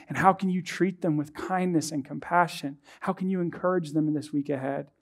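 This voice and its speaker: A young man preaching a sermon from a church stage, earnest and measured, with many rhetorical questions. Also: a little high, a little mellow. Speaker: pastor. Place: dark church stage, indoors.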